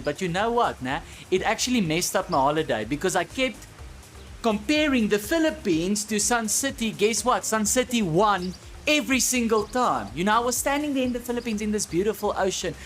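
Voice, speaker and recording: Animated South African comedian. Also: male voice, high-pitched. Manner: animated, swearing, loose anecdotal. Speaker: stand-up comedian. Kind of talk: stand-up comedy storytelling.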